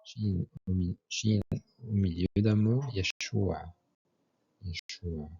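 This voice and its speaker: Speaking very slowly, a man with a low, dark, husky voice and noticeable vocal fry leads an Arabic language lesson. It is methodical: he spells letters out and repeats each example word twice before giving an explanation. The recording sounds dull and lo-fi.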